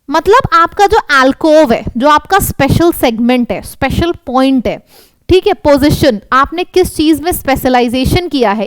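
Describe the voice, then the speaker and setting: A woman with an Indian accent teaching English vocabulary for exams, lively and quizzing her students. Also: high voice, no echo. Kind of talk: exam vocabulary lesson.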